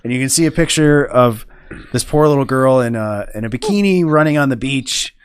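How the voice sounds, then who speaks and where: A man's voice: medium pitch, fairly quick, clean tone. Man reading headlines on a podcast. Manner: reads headlines, brief agreeing. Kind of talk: casual podcast banter.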